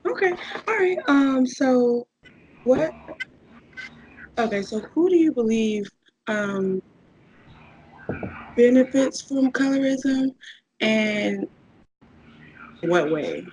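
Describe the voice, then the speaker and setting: A woman's voice: fairly high pitch, animated, slow pace, long pauses, darkish tone, slight background noise, poor audio. A woman hosting a podcast, asking questions hesitantly with many ums. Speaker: podcast host. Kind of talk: interview questions.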